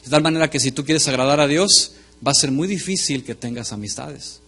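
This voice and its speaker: A middle-aged male pastor giving a sermon, speaking straight to his congregation and swinging between forceful and quiet delivery. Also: on the high side, brisk, husky. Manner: emphatic preaching that swings between loud and soft.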